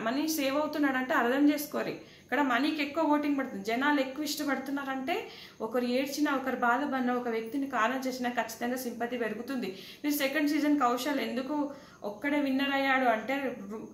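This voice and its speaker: High-pitched lady ranting about a reality show, echoey room, faint hiss behind. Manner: animated and opinionated, addresses contestants directly. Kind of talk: casual video review.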